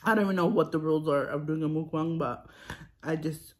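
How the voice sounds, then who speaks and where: This young vlogger has a deep, slightly mellow voice and talks fairly quickly while eating. Her casual mukbang chatter rambles with ums and restarts between bites, chewing and sipping.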